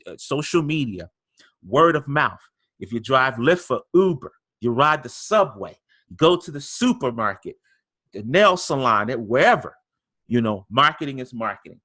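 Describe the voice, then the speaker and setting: A man's voice: medium pitch, a bit bright, slightly rough, no echo. Man coaching through a webinar, dry sound. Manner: coaching, repeats emphasis, frequent fillers. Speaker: sales trainer. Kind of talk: webinar training presentation.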